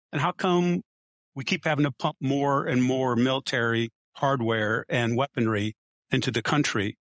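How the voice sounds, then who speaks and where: A man's voice: medium pitch, a bit bright, no room sound. A man arguing politics as a guest, pushing his points and running through statistics. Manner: argumentative, runs through statistics. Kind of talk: casual political debate.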